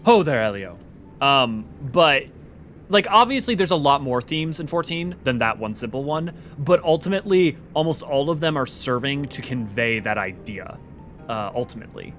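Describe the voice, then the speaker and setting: Male livestream host, lively pitch swings, bright voice, excitable rambling, reads chat aloud. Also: faint music behind. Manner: excitable, rambling, quick restarts. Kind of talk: casual livestream chat reading viewer comments.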